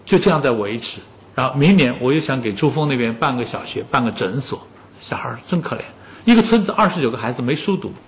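A man's voice: medium pitch, lively intonation, quick pace, slight background noise. A man in his fifties giving a public lecture on music, telling anecdotes and joking with the audience.

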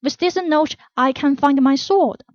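A woman's voice: high voice, unhurried, no room sound. A woman voicing a proud, foolish ancient man who boasts, within a storybook reading. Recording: dull, dry lo-fi recording.

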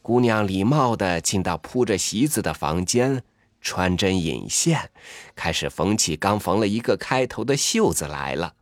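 Low male voice, animated melody, dry close sound, soft expressive storytelling. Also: measured pace, no room sound. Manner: soft-spoken, intimate, expressive. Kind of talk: storytelling reading.

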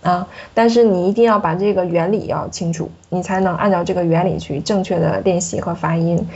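Woman, low husky voice, patient French pronunciation teacher, dull lo-fi sound. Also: fairly even intonation, brisk, darkish tone. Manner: patient, explanatory, demonstrates sounds. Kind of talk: pronunciation lesson.

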